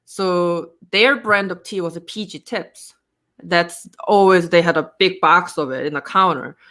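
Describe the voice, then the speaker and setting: A woman's voice: on the low side, unhurried, fairly bright tone. A woman from Korea with a Korean accent, speaking English as a second language, talking casually as an interview guest with frequent fillers and restarts.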